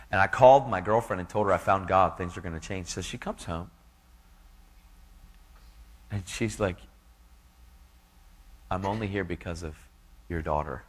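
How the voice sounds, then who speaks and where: Husky man preaching a testimony. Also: deep voice. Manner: casual, slangy and earnest. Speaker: speaker giving a testimony.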